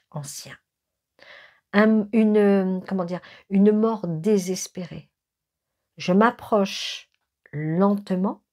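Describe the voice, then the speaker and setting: Slow, hesitant woman telling a ghost story. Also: fairly low pitch, slightly rough. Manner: hesitant, many fillers and self-corrections, dramatic pauses; drops to a hush for quoted whispers. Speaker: medium telling her experiences.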